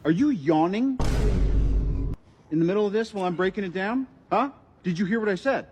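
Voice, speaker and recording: A middle-aged actor playing a dry, sarcastic billionaire who fires off quick retorts. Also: male voice, high-pitched, expressive. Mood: annoyed. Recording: film clip with music and effects behind.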